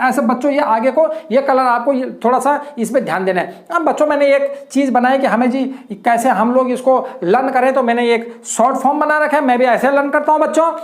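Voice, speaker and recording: Woman, teacher, lesson explanation, repetitive, addresses students as children, high voice, echoey room. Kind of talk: classroom-style lesson explanation.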